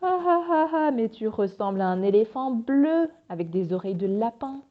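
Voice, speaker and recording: A sneering, condescending mocker, as a woman puts on the voice, with a loud fake laugh and a shrill, exaggerated pitch. The sound is slightly dull and lo-fi. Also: very animated, normal speed. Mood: mocking. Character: mocking, condescending person laughing at an accent.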